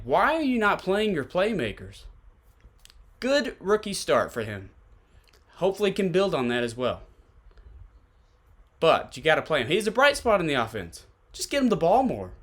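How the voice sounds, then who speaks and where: Animated Tennessee man talking football. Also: high-pitched. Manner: poses pointed rhetorical questions, repeats points. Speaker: sports podcast host. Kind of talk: solo football commentary, conversational analysis.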